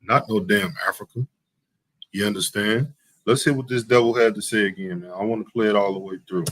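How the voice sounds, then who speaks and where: A man with a lowish, steady, fairly bright voice hosts a live talk show podcast, talking a little fast. His religious commentary is heated and preachy, full of emphatic repeats of "you know what I'm saying," with slight background noise behind him.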